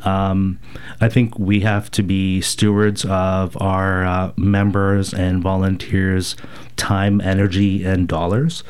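Low smooth-voiced guy from rural alberta, bit of a cold, lots of ums while he thinks it through. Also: flat delivery, slow pace, a little mellow. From rural Alberta, Canada. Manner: thoughtful, hesitant, many fillers. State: getting over a cold. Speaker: radio station board president, guest. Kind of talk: casual radio interview answers.

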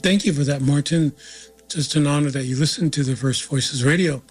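A man's voice: fairly high pitch, fairly quick, slightly rough, faint music behind. A man hosting a radio interview programme, introducing and talking with his guest.

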